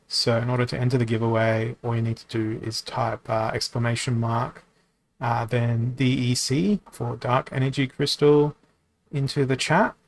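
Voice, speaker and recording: It's casual live-stream chat: a man running a card game stream talks informally to his audience in a voice of middle pitch. Reading out questions from viewers and responding, he rambles, restarting often and saying um a lot.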